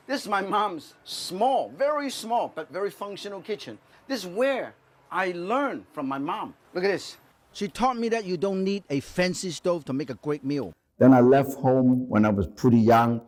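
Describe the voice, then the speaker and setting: An older man from Guangzhou, China, a chef and presenter with a Cantonese accent, presents a documentary to camera in enthusiastic, emphatic English with broken phrasing. His voice is medium-pitched with a darkish tone, and there's no echo.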